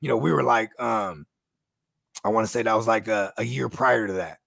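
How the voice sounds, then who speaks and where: A man in his thirties with a gravelly, husky voice, rambling through stories in casual chat as a co-host, full of "you know what I mean.". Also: on the low side, normal speed, fairly bright tone, no room sound, studio quality. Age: 30s. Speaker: podcast co-host.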